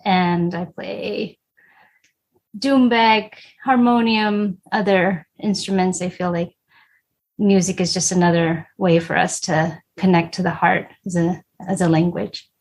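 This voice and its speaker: A woman from Texas talking enthusiastically as a podcast guest in a casual conversation. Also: lowish voice. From Texas, USA. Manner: warm, enthusiastic, chatty.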